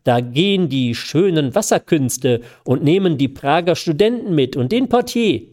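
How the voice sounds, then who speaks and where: A man with a scratchy throat voicing an excitable, naive young man in a read-aloud story, crying out in high, eager exclamations. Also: unhurried, natural voice. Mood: overjoyed.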